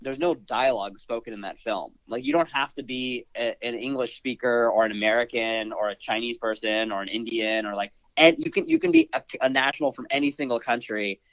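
A man's voice: medium pitch, lively intonation, a little fast, vocal fry, few pauses, a bit bright, no room sound. Guy hosting a chat, keen, lots of likes, dry and a bit dull sounding. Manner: enthusiastic, with filler likes. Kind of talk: casual conversation.

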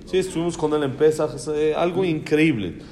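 A man's voice: fairly high pitch, brisk, darkish tone, slight background noise. Man teaching with admiring repetition. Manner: admiring, repetitive phrasing with frequent restarts. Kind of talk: informal Torah class talk.

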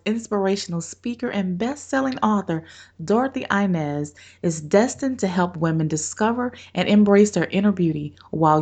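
A podcast host runs an interview chat over a remote call, bubbly and effusive and laughing often. Her voice is mid-range with a darkish tone.

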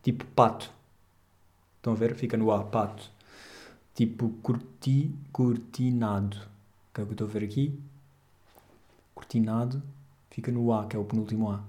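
A man's voice: on the low side, flat delivery, fast talker, a little mellow. A young man with a European Portuguese accent, hosting a podcast in a rambling, jokey, slangy way. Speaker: podcast host. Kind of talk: casual podcast chat.

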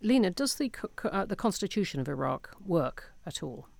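Gravelly-voiced man moderating a panel. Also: sits high, sing-song, brisk, no echo. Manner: courteous, posing questions. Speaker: podcast host and moderator.

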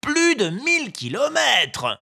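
A woman voicing a big, kindly, talkative pigeon in a storybook reading, with high, chatty calls. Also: wildly swooping pitch, slow, gravelly, bright, forceful tone, slightly rough, heavily acted. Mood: friendly.

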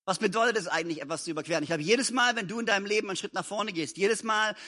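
A man with a high voice and a bright tone preaches an evening sermon to a church congregation. He talks emphatically, repeating short phrases, and he swings from loud calls to quiet, intimate passages. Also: rapid-fire. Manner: admits to stumbling over sentences and grammar. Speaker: pastor. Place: church service.

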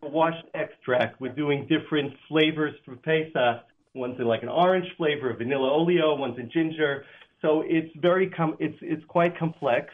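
A man on a speakerphone call, a kosher supervisor at a flavor plant, speaking in a halting way as he searches for words. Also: a little high. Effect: phone on speakerphone. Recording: tinny phone line.

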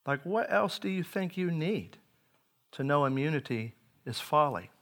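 A man in his forties preaching a sermon, earnest, rising loud on key lines and dropping quiet after. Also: on the high side, animated, measured pace. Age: 40s.

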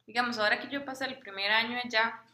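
A woman, speaking softly and calmly in a casual faith chat. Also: fairly high pitch, fast, reverberant. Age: 30s.

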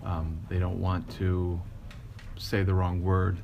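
Male teacher, very deep voice, monotone, gravelly, interview. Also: takes it slowly, lo-fi sound, noisy background. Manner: plain explaining, with fillers. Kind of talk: interview answer.

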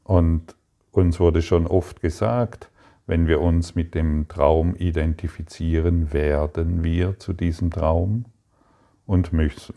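A man leads a meditative spiritual talk in a very low, dark and mellow voice. He speaks slowly and gently, with long calm pauses between thoughts. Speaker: spiritual teacher.

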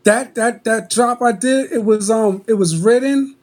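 Laid-back male poet with a mellow voice. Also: very high-pitched. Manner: relaxed, halting with restarts. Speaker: guest poet. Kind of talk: casual chat.

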